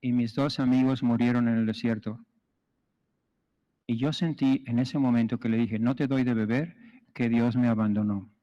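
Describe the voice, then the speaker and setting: A priest preaching a sermon and telling stories with humor in an animated way, in a long church reverb. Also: male voice, medium pitch, moderate pace, muffled recording.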